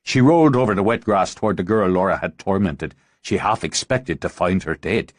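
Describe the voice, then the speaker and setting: A man narrating an audiobook in a dramatic, expressive way. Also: deep voice, normal speed, no room sound, clean studio sound.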